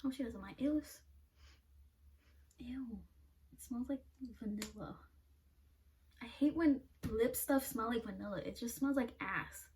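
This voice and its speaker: This young beauty vlogger chats casually through a makeup video, blunt and self-mocking, cursing freely and laughing at herself. Her voice is a little high and darkish in tone, and she talks unhurriedly with long pauses. The mic sounds somewhat distant, with faint noise.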